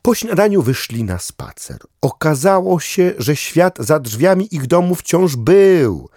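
Husky, slow, very expressive storyteller man. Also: fairly high pitch, no echo, studio quality. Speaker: audiobook reader. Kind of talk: scripted children's story narration. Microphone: close studio mic.

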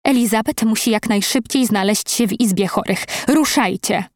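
A woman voicing a stern, commanding female schoolmistress who barks sharp orders. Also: a little high, moderate pace, dry recording, studio quality, natural voice.

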